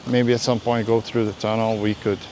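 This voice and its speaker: A man's voice: fairly low pitch, flat delivery, brisk, a little mellow. Hesitant man vlogging on a noisy street. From Aruba. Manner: hesitant, meandering, conversational. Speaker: vlog host. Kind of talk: casual walking vlog chat. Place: outdoors, walking along a road. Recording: noisy outdoor street with traffic. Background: clear outdoor street and vehicle noise.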